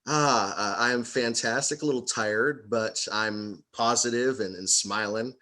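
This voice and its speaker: A man's voice: mid-range voice, measured pace, bright, forceful tone. A man hosting a casual roundtable interview over a video call, friendly and rambling with frequent restarts. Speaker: podcast host.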